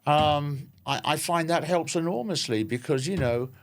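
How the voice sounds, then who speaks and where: A man's voice: on the high side, normal speed. Jokey English man, interview guest. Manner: hesitant, jokey, repeats himself. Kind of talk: conversational interview.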